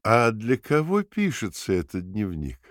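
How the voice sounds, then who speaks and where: An actor voicing a cold male inner voice of doubt, slow and insistent, in an audio drama. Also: fairly low pitch, huge pitch swings, no room sound. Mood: questioning.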